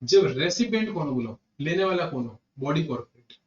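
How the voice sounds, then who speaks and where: Brisk and animated, this Indian man lectures a class on GST in a slightly high voice, circling back over his points and calling his students "beta" and "sahab." He sounds set back from a muffled mic in an echoey room.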